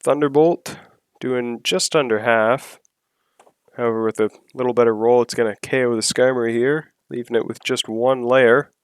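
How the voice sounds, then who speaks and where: Calling a video game battle, this commentator is analytical and easygoing, his medium-pitched voice a touch sick. Frequent "so" and "yeah" pauses and throat-clearing break up his play-by-play, captured without echo.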